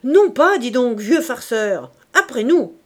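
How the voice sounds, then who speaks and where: A woman reading a rough male bandit who shouts defiantly. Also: very high voice, animated, a little slow, pitched above the performer's own voice.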